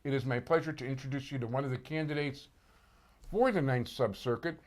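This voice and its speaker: A man's voice: mid-range voice, fairly quick. A man hosting a local news magazine show, introducing it in a casual, chatty way. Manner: casual, chatty promo patter. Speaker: host.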